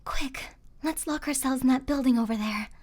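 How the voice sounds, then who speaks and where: The same zombie-apocalypse ASMR roleplay features a woman as a loyal, distraught young survivor, delivering her lines emotionally and pleadingly, though here she sounds relieved and tired. Her voice is high-pitched, a little mellow, and paced moderately.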